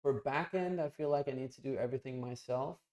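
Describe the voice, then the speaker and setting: Streaming live, this young man chats in a fairly quick, slightly mellow, medium-pitched voice, speaking bluntly and with some swearing while he clicks around his screens and thinks aloud.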